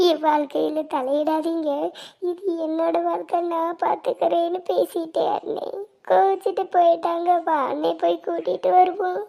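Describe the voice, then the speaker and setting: A woman voicing a young woman in an animated family drama cartoon, pleading emotionally with her brother and sister-in-law. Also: very high-pitched, normal speed, vocal fry. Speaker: cartoon voice artist.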